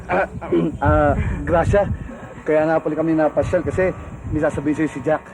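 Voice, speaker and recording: A man's voice: a little high, fairly even intonation, normal speed, noisy background, lightly acted. A man playing a brash, teasing buddy. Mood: excited. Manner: pushy, teasing, calls friend "tol". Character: brash buddy egging on his friend. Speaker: sidekick friend in a comedy film. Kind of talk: film comedy acting.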